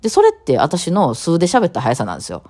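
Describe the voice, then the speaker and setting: A woman with a Kawachi Osaka accent and a low, gravelly voice, chatting on her own in a rapid-fire, piling-on way. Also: wildly swooping pitch, mellow. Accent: Kawachi Osaka dialect. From Kawachi, Osaka, Japan. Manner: rapid-fire, piling on one topic after another. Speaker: radio talk host. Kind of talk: casual solo talk.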